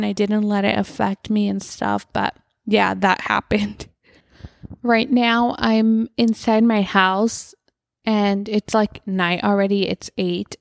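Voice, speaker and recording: Woman podcaster rambling at home, kinda gravelly, dry close sound, says like a lot. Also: mid-range voice, no echo. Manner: chatty, rambling, frequent "like". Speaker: podcast host. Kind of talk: casual chat. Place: inside her house at night.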